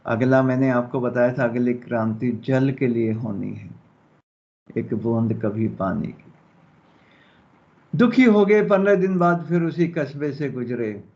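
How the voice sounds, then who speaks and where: A man's voice: medium pitch, a little slow, a little mellow. A male Hindi teacher explaining a story in a lesson, checking in with his students as he goes. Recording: dull lo-fi audio.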